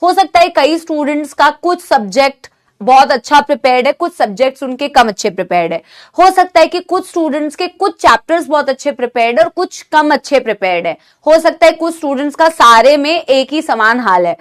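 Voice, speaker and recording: A young woman teaching a live online class with a sore throat from a cold, talking gently and affectionately to her students while mixing Hindi and English. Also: sits high, animated, a little fast. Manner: motherly, calls students "beta", mixes Hindi and English. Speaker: online NEET biology teacher.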